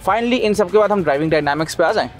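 Very fast-talking Indian man, music behind. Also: high-pitched, animated. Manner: informal, opinionated. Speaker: car review host. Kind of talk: casual car comparison chat, mixing Hindi and English.

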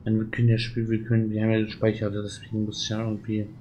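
A man doing casual let's play commentary, reading game text aloud and thinking out loud. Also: lowish voice, completely flat delivery, rapid-fire, slight background noise, rough recording. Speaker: let's player, channel host.

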